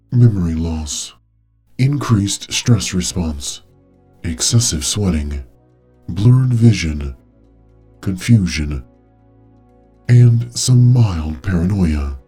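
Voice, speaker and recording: An actor playing a calm, coldly polite AI caretaker, a gentle care robot that speaks in a soothing, measured, clinical way. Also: male voice, low-pitched, breathy edge, full character voice. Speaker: AI overseer of a medical trial. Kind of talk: audio drama narration.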